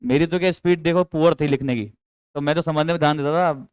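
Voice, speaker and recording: Young male teacher with a high, smooth voice. Chatty coaching tone that keeps drilling students with questions, recorded close and dry. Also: fairly even intonation, quick pace, darkish tone, dry recording. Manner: chatty, coaxing, quizzes students with repeated questions; mixes English terms into speech. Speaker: accountancy teacher. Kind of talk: classroom lecture.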